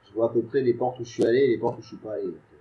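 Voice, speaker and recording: A man's voice: medium pitch, fairly even intonation, rapid-fire, dull audio. A man giving casual, self-mocking gameplay commentary from a home computer setup, chatting and muttering to himself as he plays. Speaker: gaming YouTuber.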